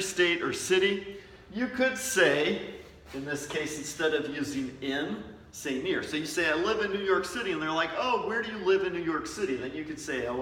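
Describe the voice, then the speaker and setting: A man gives an English lesson at a deliberately slow pace, repeating model sentences patiently. His voice is bright and forward. The recording is echoey, with a long reverb tail, picked up from a distance. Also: a little high. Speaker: English teacher. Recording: roomy echo from a distant mic.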